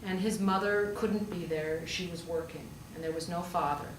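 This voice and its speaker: Picked up from a distance in a roomy space with faint noise, a woman with a lowish voice, fairly even intonation and moderate pace preaches a storytelling sermon. She's a pastor and hospital chaplain, speaking conversationally with rhetorical questions and emphatic repetition.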